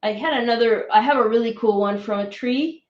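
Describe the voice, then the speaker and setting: A woman's voice: on the high side, brisk, lo-fi sound. Distant roomy-sounding woman on a call. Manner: hesitant, many fillers and restarts. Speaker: guest sharing orb photos. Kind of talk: casual explanatory chat.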